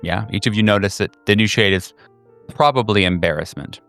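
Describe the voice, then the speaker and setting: A man narrating a tabletop horror game as game master, halting with many fillers. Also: on the low side, creaky, fairly bright tone, soft background music.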